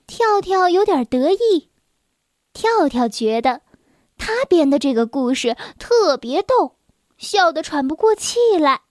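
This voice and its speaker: A woman reads a bedtime storybook aloud in a gentle way, her voice very high and her pace slow. The sound is close and dry, with no room around it. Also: big pitch swings, dry recording. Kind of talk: children's storybook narration.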